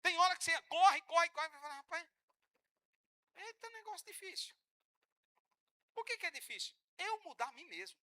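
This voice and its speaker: A man preaching a sermon in church, animated and joking with the congregation, often acting out the voices of church members. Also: very high-pitched, quick pace, few pauses. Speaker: pastor.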